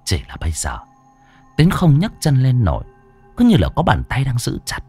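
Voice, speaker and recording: A man's voice: medium pitch, huge pitch swings, moderate pace, darkish tone, breathy edge, faint music behind. A man narrating an audio story in a dramatic, earthy, colloquial way.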